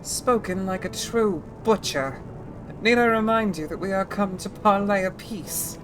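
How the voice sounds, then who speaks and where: A woman's voice: mid-range voice, measured pace, over music, close to an everyday voice, poor audio. A woman voicing a proud, bookish female heretic in a formal, cutting fantasy game manner. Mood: scornful.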